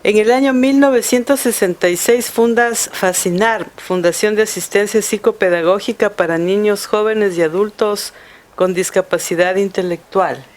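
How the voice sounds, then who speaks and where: A woman conducts an interview, putting brief, attentive questions to her guest. Her voice sits at an ordinary middle pitch. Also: moderate pace, darkish tone. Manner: brief, attentive, gives short backchannels.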